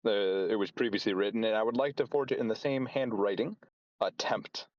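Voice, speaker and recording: Halting man playing a tabletop game. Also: lowish voice, steady tone, darkish tone, dry recording, dull audio. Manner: halting, repeats and reformulates as he plans. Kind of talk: casual chat during a role-playing game.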